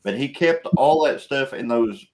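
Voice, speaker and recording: A man's voice: medium pitch, measured pace, darkish tone. A man, hosting a casual chat in a folksy, rambling way and laughing often. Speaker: show host.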